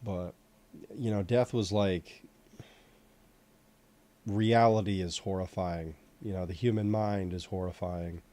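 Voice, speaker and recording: A man's voice: deep voice, steady tone, slow pace, long pauses, mellow. A man chatting casually while he sculpts on screen, rambling, with lots of "you know" and "like," and swearing now and then. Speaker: host sculpting in 3D software. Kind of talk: casual chat while working.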